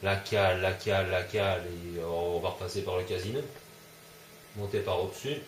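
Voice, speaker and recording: A man's voice: deep voice, steady tone, moderate pace, reverberant, a little hiss or hum. A man commentating his own gameplay, swearing and yelping when startled. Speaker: let's play gamer.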